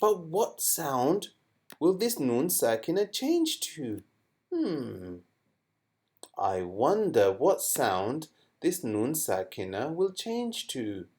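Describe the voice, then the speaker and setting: A man teaching children a lesson in a playful, animated way, asking questions and making sound effects. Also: medium pitch, slow pace.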